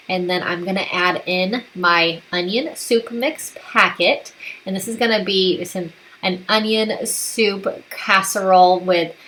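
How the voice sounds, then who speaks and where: Upbeat woman, home cook chatting through easy recipes, middle pitch. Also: pushed and bright, slight background noise. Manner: upbeat, chatty, repeats "really great". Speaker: cooking channel host. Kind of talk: casual cooking voice-over.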